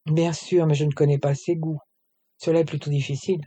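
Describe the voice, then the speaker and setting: A man's voice: fairly high pitch, level tone, a little fast, dark tone, slightly rough. A man voicing a shy young woman who works in a clothing shop and blushes easily. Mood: polite. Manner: shy, hesitant.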